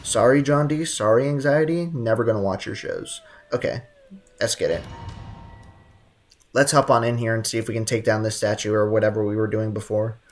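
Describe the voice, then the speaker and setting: A young man talks with viewers during a video game live stream, loose with slang and playful in a casual way, with game music in the background. His voice is lowish and his pace a little fast.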